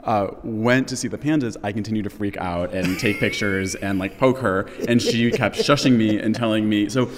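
A man's voice: on the low side, moderate pace, hardly any pauses, big-room sound, noisy background. A man talking casually and enthusiastically as an interview guest, rambling with lots of likes. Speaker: podcast host and guest.

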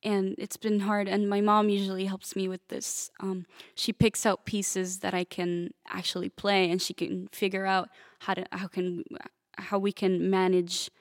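Teen girl from Italy, interview guest, soft and hesitant, mid pitch, dry close sound. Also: level tone, unhurried, no echo. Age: teens. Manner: soft-spoken, hesitant, many fillers. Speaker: young pianist guest. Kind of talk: casual interview answers.

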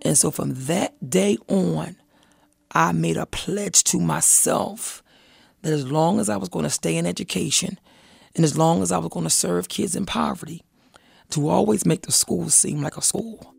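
A woman's voice: on the low side, normal speed, creaky, a little mellow, slightly rough, no echo, studio quality. A woman who is a school principal from Philadelphia, telling her story in an interview with vivid retelling.

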